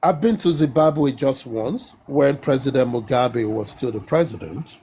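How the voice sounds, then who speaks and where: A man's voice: medium pitch, expressive, a little slow, mellow, slight background noise. A man chatting as a guest on a live stream who stumbles and repeats himself. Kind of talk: casual live chat.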